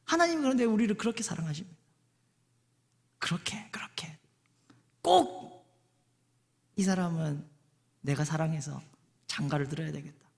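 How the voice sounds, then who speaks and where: A male pastor, preaching a lively sermon and coaxing the congregation to call out and repeat after him. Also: a little high, a little fast, pauses often. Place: large church sanctuary. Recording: long hall reverb.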